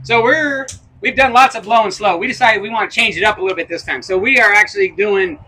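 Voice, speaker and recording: Excited bbq guy walking through a cook outside, high-ish voice, little bit of noise behind. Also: fast talker, poor audio. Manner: enthusiastic, explains step by step. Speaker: barbecue show co-host. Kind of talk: casual cooking demonstration.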